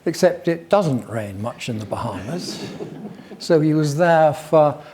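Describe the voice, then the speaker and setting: A man's voice: a little high, expressive, unhurried, warm tone, a little hiss or hum. Older man telling wry stories. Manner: chatty, digressive, wry asides. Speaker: guest speaker at a local history talk. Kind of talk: anecdotal public talk.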